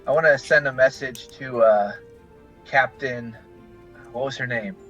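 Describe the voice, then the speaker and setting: A man playing in a tabletop game, chatting casually in a slow, laid-back way. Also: medium pitch, a bit bright, highs cut off, soft background music. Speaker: player. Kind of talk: casual chat.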